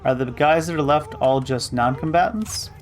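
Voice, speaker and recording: A man's voice: medium pitch, normal speed, soft background music. A man streaming a video game, giving casual commentary and musing aloud to himself.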